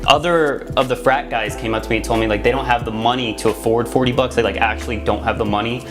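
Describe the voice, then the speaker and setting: A man's voice: mid-range voice, fairly even intonation, fast. A man in his twenties from Miami casually telling a story to camera, rambling with lots of "like" fillers. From Miami, USA. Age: 20s. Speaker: vlogger. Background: music playing underneath.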